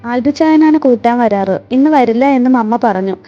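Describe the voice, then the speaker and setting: A woman voicing a scared little schoolgirl who speaks in halting sobs. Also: on the high side, animated, highs cut off, soft background music, natural voice. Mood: tearful. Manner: sobbing, halting.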